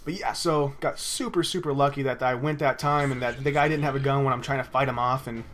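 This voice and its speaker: Young dude rambling a story over his gameplay, cusses a lot, lots of restarts, mid pitch. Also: fairly even intonation, fairly quick, fairly bright tone, soft background music. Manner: rambling, profane, with many restarts. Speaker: gaming commentator.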